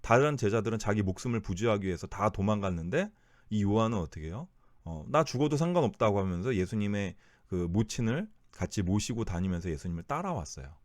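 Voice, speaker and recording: Animated low-voiced man teaching scripture. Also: a little fast, no echo, clean studio sound. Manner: asks the listeners rhetorical questions; corrects himself mid-sentence. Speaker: Bible study teacher. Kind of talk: Bible study teaching.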